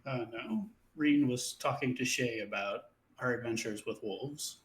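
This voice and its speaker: A man's voice: medium pitch, unhurried, low-quality recording. A man playing a tabletop role-playing game in character, talking loosely and casually, often laughing. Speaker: player.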